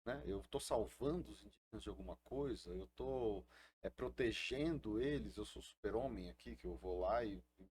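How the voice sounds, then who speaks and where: A man's voice: lowish voice, darkish tone, slight background noise. A man speaking as a guest on a podcast, earnest and impassioned, often ending sentences with a questioning tag. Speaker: guest, FUNAI indigenist. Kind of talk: casual podcast interview.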